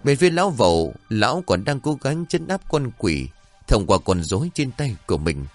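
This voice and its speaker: A man narrating a story in an expressive, dramatic way, with faint music behind. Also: mid-range voice, normal speed.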